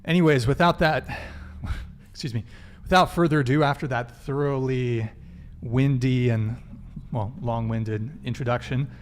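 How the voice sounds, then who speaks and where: A man's voice: medium pitch, fairly even intonation, a little hiss or hum. Joking male podcast host. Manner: joking, asks quick follow-up questions. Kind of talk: casual live-stream chat.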